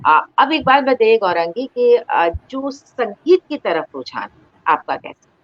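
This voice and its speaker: A woman's voice: on the high side, sing-song, measured pace, no echo, lo-fi sound. A woman hosting an online interview, formal and encouraging, often stopping to praise her guest. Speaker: interview host.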